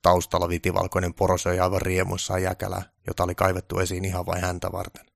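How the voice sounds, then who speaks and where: Guy reading a story calmly, deep and gravelly, dry close sound. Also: dry recording. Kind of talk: scripted storybook narration.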